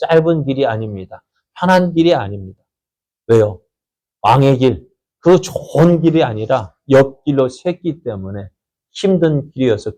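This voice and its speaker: A Korean-speaking man preaching to his congregation. He asks questions, answers them himself, repeats phrases for emphasis, and reads scripture slowly. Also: mellow. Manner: repeats phrases for emphasis, rising and falling pitch. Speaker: pastor. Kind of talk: sermon.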